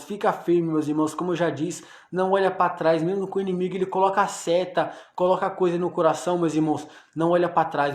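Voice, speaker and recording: Young man, fervent testimony speaker, high voice, roomy echo. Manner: fervent, repeats "my brothers" constantly. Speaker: testifying former drug dealer, evangelical. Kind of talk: emotional testimony livestream. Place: room at home. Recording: echoey room.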